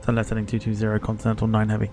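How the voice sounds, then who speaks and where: A man's voice: on the low side, monotone, very fast. A man making pilot radio calls in clipped air traffic phraseology, reading back instructions while flying a simulator. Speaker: streamer flying a flight simulator.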